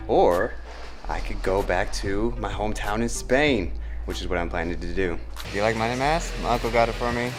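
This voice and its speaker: An American man chatting casually to camera as a travel vlogger, easygoing and reflective in manner. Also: low voice. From United States. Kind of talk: casual vlog chat to camera.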